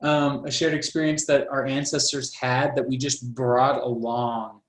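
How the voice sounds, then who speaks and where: A man's voice: medium pitch, level tone, unhurried, echoey room, rough recording. A man co-hosting a podcast in casual chat, rambling with many filler words and some swearing, speaking over a video call. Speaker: podcast co-host.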